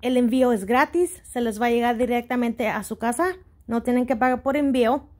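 A woman's voice: on the high side, fairly quick, a little mellow. A woman in her Spanish, hosting a casual step-by-step tutorial, a little hesitant and mixing in English words. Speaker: host of a shopping tutorial channel.

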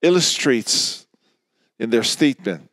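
An older man as pastor, reading a Lenten devotion and leading a prayer from the pulpit of a large church, speaking slowly and softly with hushed endings into a stand microphone. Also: mid-range voice, animated, dry recording, clean studio sound. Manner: slow, measured, soft-spoken with trailing hushed endings. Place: large church sanctuary, indoors. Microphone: stand mic at pulpit.

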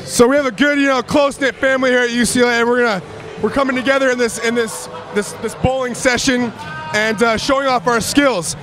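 A young man, a college football player, playing a showy fill-in TV host with a loud voice. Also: extremely high pitch, fairly even intonation, fast talker. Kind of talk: mock broadcast intro. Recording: music and crowd noise behind.

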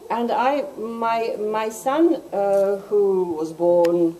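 A woman interpreting in a group discussion, speaking haltingly with many restarts, picked up by a distant camera in a meeting room. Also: medium pitch, fairly even intonation, mellow. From Serbia. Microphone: far camera.

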